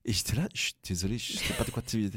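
A young man hosting a casual chat, telling stories in an animated way and mimicking English words. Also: on the low side, fast, husky, no echo, clean studio sound. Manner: animated storytelling with laughs and imitated English. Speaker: host.

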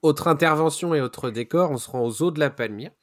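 A man presenting a zoo news roundup on a podcast, often pausing with fillers and correcting himself. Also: a little high, dry recording, studio quality. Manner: frequent hesitations and self-corrections.

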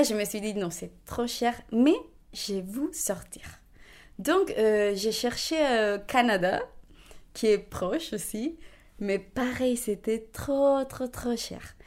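A Colombian woman in her twenties is interviewed in French, her Colombian Spanish accent clear in her medium-pitched voice. She gives a conversational testimony, animated, often restarting and laughing as she tells her story.

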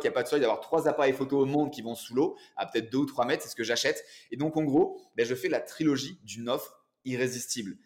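Guest, male, 40s, animated storyteller, casual interview tone. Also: medium pitch. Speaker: guest entrepreneur and coach.

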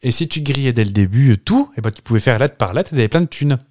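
A man's voice: medium pitch, animated, quick pace, darkish tone, no room sound, clean studio sound. A man co-hosting a podcast, chatting casually and making jokey wild guesses. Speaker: podcast co-host. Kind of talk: casual banter.

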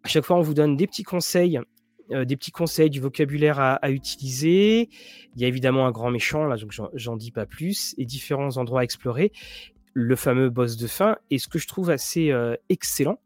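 A man's voice: medium pitch, lively intonation, brisk, darkish tone, no room sound. Rambling man chatting to viewers. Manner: rambling, frequent restarts and fillers. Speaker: tabletop RPG and series show host. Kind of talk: casual chat to viewers.

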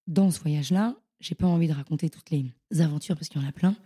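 A young woman, a podcast guest, telling her stories in a casual, animated and slangy way. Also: deep voice, fast talker, husky. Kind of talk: casual storytelling interview.

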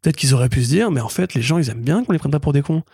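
A man co-hosting a film podcast, talking in rapid, opinionated casual chat and laughing often. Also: a little high, animated, warm tone, breathy edge, no echo, clean studio sound. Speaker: podcast co-host.

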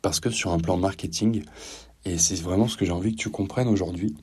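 Low husky male podcast host. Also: a little fast, darkish tone. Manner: conversational, many fillers and restarts. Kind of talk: casual solo podcast monologue.

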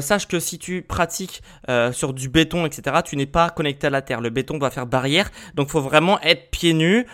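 A man hosting a podcast, explaining health and fitness casually to the listener, with many filler sounds, restarts and quick check-ins. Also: a little high, fairly bright tone, smooth. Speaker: podcast host.

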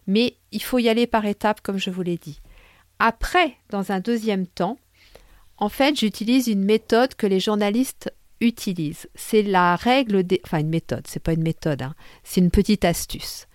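A woman's voice: mid-range voice, moderate pace, dry recording, studio quality. A woman hosting a podcast, explaining a method in a casual, conversational way with frequent fillers and self-corrections. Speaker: podcast host.

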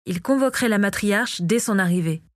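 A woman narrating a fantasy audiobook in a calm, measured storytelling manner. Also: mid-range voice, no echo, studio quality. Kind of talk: scripted narration of a fantasy novel.

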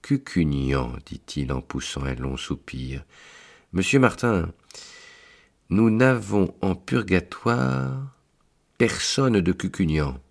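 A man voicing a tall, dark-winged male angel of purgatory with a raspy, mournful voice, often pitched higher than his own. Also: expressive, slow pace, heavily acted. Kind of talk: storytelling read-aloud.

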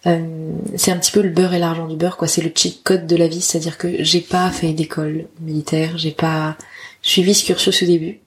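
Female podcaster, 30, slightly low register, informal and self-deprecating, gropes for words. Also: little pitch movement, moderate pace, slight background noise. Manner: candid, self-deprecating, slangy. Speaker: podcast host, photographer. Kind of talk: casual solo podcast monologue.

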